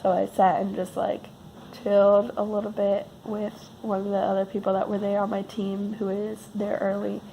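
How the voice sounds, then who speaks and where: A woman's voice: medium pitch, completely flat delivery, moderate pace, gravelly, mellow, slight background noise, low-quality recording. A woman vlogger who sounds sick and losing her voice, telling a casual, rambling personal story with wry, self-deprecating understatement.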